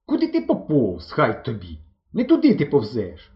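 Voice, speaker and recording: A man reading an audiobook voices a frightened, exasperated young boy who yells in a high, strained voice, on a roomy, dull recording. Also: very animated, fairly quick. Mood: irritated.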